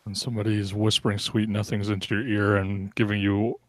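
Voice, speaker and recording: A man's voice: fairly low pitch, little pitch movement, brisk, no echo. A man co-hosting a casual podcast chat, joking and playfully indignant. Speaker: podcast co-host.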